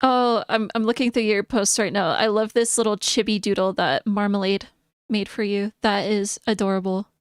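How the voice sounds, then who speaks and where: A woman's voice: medium pitch, fairly even intonation, normal speed, clear, resonant tone, no room sound, studio quality. A woman live streamer chatting casually and thinking aloud as she reads through notes, sometimes mumbling. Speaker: VTuber streamer.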